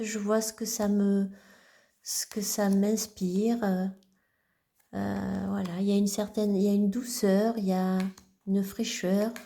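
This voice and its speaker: Woman vlogger, slow and mellow, hesitant with lots of restarts, casual show-and-tell. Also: mid-range voice. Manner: hesitant, halting, many restarts and fillers. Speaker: vlogger presenting her card decks.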